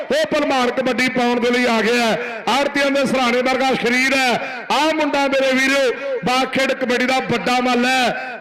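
Male Punjabi kabaddi commentator, very high-pitched, frantic and declamatory, village-tournament announcer delivery. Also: poor audio. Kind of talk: rural sports commentary and announcements over a PA.

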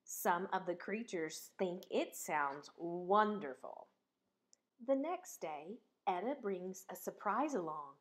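Reading a children's picture book aloud, a woman with a fairly low-pitched voice tells the story expressively and deliberately.

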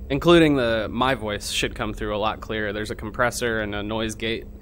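A man's voice: fairly low pitch, steady tone, normal speed, a bit bright, a little hiss or hum. A young man streaming a VR game, chatting casually and swearing with his viewers over a headset mic. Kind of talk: casual live-stream chat.

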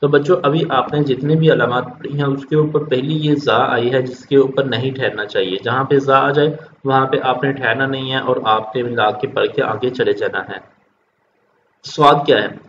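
A man patiently teaches children a Quran lesson, explaining step by step and repeating his points. His mid-range voice is fairly bright, with fairly even intonation and a moderate pace. The recording is dull and lo-fi with faint noise.

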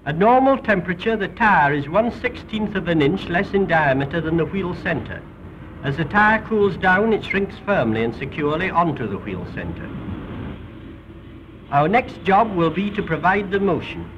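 Heard on an aged, muffled film soundtrack with some noise, this British narrator has a high-sitting voice and a moderate pace. His delivery is formal and slightly theatrical, like a 1930s documentary host, swinging lively through his phrases.

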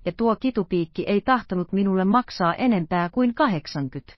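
A loud, boastful musketeer blusters on about his dinner, as a woman reads him in an audiobook. The voice stays mid-pitched and everyday. The recording is dull and dry. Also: no room sound, lightly acted. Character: boastful hearty male musketeer, big-voiced.

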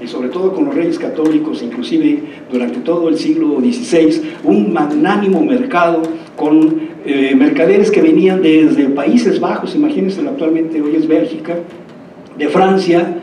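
A man's voice: on the high side, moderate pace, warm tone, a little hiss or hum. Mexican man lecturing in a roomy hall. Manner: digressive storyteller, checks in with listeners. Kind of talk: anecdotal lecture. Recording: roomy hall, mic far off.

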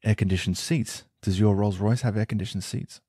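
A man's voice: fairly low pitch, fairly even intonation, fairly quick, dark tone, slightly rough, dry recording, studio quality. A man voicing a boastful, teasing ordinary driver in a told joke. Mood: cheeky.

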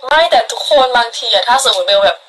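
A woman's voice: fairly high pitch, fast, fairly bright tone, slightly rough, rough recording. A 21-year-old woman from the Netherlands chatting casually on a live stream, answering viewers and thanking them for gifts.

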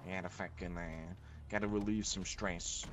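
A man's voice: low-pitched, steady tone, normal speed, slight background noise. A man talking casually in character during a game role-play, laid-back with some swearing.

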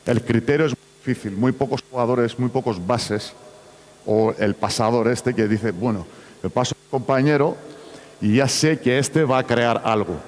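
A man running a basketball coaching clinic, talking in halting phrases with frequent restarts. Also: mid-range voice, slight background noise. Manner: broken, halting delivery with many restarts. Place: large indoor sports arena. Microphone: far camera. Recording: echoey sports hall, from far off.

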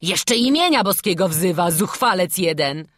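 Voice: medium pitch, lively intonation, moderate pace, no room sound, voice pushed up. A narrator putting on a barking watch captain. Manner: loud, barking orders. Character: gruff shouting town watch captain.

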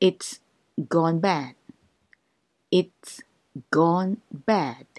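A Thai woman with a Thai accent who teaches English, saying each short phrase slowly twice and then explaining it quickly. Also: on the low side, a little mellow. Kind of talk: language lesson, repeating phrases slowly.

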